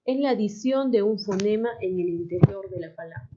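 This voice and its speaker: A woman's voice: medium pitch, a little fast, noisy background. A woman teacher, patiently explaining a lesson and checking in with the class with frequent tag questions. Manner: patient, asks questions and tags "¿no?" often. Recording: dull lo-fi recording.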